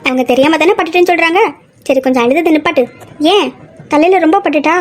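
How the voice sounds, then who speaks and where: Woman playing a bossy, fussing young woman, fast. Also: sits high, close to an everyday voice. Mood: scolding. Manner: scolding, fussing. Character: bossy caring young woman, quick-tempered friend. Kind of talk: fan audio drama.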